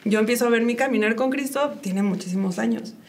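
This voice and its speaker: A woman's voice: a little high, quick pace. A middle-aged woman, emotionally sharing her personal faith testimony and often quoting her own inner thoughts. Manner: emotional, with frequent fillers and quoted inner speech.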